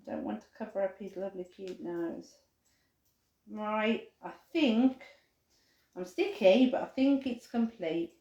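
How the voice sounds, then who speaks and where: A woman's voice: medium pitch, measured pace, warm tone, reverberant, dull audio. A woman in her forties, a playgroup leader, showing a children's craft and reading a storybook aloud in a playful, giggly way.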